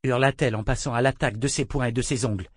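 A man narrating an audiobook in a measured, even storytelling manner on a close studio mic. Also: medium pitch, no echo.

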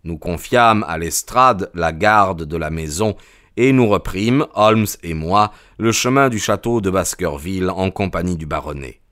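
A man giving measured audiobook narration of a classic novel. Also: low voice, a bit bright, dry recording, studio quality.

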